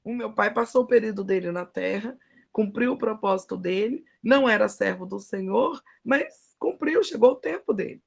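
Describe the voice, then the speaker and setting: A woman's voice: mid-range voice, moderate pace, vocal fry, breathy edge, dull audio. A middle-aged woman preaching a devotional sermon, with emphatic, folksy storytelling.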